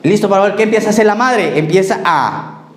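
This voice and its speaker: A man's voice: high voice, lively intonation, quick pace. A man preaching a sermon as pastor, telling stories and asking his congregation questions. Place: church. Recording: echoey church hall.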